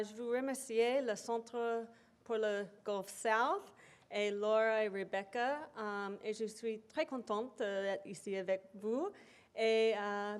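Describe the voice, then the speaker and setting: A woman with English as her first language gives an academic talk in a lecture hall as an invited speaker, hesitating a lot and filling gaps with pauses and fillers. She speaks slowly in a mid-range, slightly mellow voice.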